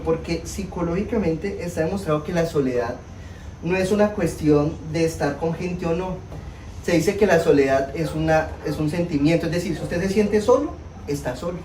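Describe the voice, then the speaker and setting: A young man with a Colombian Spanish accent preaching a sermon, telling a personal story in an animated, self-mocking way to a congregation. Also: a little high, a little hiss or hum. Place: church hall. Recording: echoey hall, mic at a distance.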